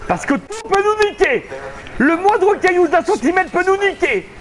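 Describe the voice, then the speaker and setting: A man giving excitable let's play commentary, panicking and swearing at the game while he plays. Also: very high-pitched, moderate pace. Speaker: gamer streaming a playthrough. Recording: game noise behind the voice.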